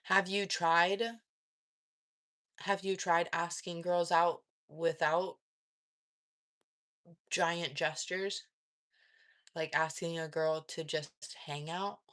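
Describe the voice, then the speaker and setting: Her voice is fairly low yet fairly bright, with a steady tone, drawn-out words, and long pauses. Hosting a relaxed live stream, she reads chat messages, digs in with follow-up questions, and fills the gaps with frequent laughter and fillers.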